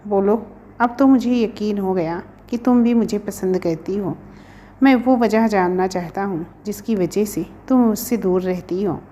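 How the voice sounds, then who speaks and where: A woman's voice: medium pitch, a little slow, dark tone, lightly acted. A woman reading a storybook, voicing a young male professor who pleads and teases his sweetheart. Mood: earnest. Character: young man, a professor, earnest and teasing lover.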